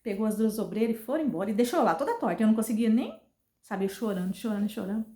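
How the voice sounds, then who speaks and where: Speaking very fast in a warm, expressive mid-range voice, this Brazilian-accented woman vlogger tells a personal story in an earnest, repetitive way. There's a roomy echo around her in this casual vlog.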